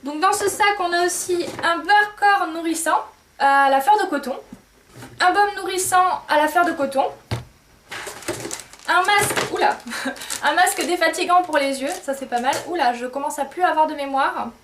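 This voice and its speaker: High-pitched chatty woman vlogger, a bit off-mic with faint hiss, halting with lots of fillers. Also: a bit bright, recorded from a distance. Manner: chatty, hesitant with many fillers. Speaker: beauty vlogger. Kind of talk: casual chat to camera.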